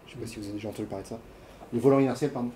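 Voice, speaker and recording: A man's voice: mid-range voice, steady tone, rapid-fire, mellow, a little hiss or hum. A man giving a casual classroom lecture, with many fillers, restarts and questions to his students. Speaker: university lecturer. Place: lecture hall.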